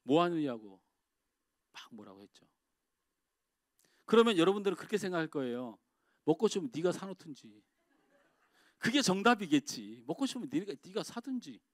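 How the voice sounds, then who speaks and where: A middle-aged man preaching a sermon, his voice sitting a little high for a man. He swings between loud emphatic outbursts and quiet confiding asides. The sound is dry and close, with almost no room echo. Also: very animated, normal speed, long pauses. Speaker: pastor. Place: church sanctuary.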